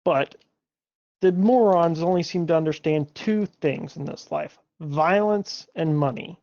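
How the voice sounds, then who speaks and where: A man's voice: fairly high pitch, unhurried, creaky, darkish tone. A man playing a tabletop game in character, talking in a blunt, argumentative way. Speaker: player. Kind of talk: in-character tabletop role-play. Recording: dull lo-fi audio.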